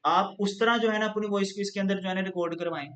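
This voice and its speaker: A man with a rather high voice walks through a software tutorial one step at a time. He explains patiently and keeps coming back to the same filler phrase. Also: steady tone, fast talker. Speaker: instructor. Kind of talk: screen-recorded software tutorial.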